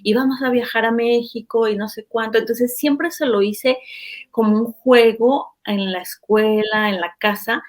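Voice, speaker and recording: A woman from Mexico with a Mexican accent, a guest in an interview who tells anecdotes in a chatty, animated way and often repeats words. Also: fairly high pitch, a little slow. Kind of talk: conversational interview storytelling.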